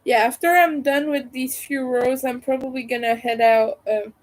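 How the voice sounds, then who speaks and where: A woman's voice: high voice, fairly even intonation, moderate pace, rough recording. A woman hosting a casual livestream chat in a rambling way, her voice congested and nasal from a cold, as if her nose were pinched. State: stuffy nose from a cold and allergies. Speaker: livestream host.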